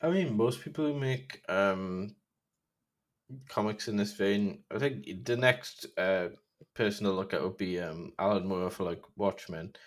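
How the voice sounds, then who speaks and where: British bloke w deepish voice, bit slurred, dry sweary podcast chatter. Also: male voice, a little slow. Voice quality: slightly slurred speech from a sore tongue. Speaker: podcast co-host. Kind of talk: casual podcast chat.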